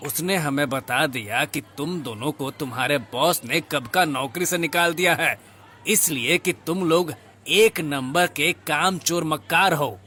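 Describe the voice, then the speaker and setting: A man's voice: fairly high pitch, unhurried, bright, forceful tone, a little hiss or hum. A man voicing a stern, blunt father in an audio drama. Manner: blunt, stern rustic speech.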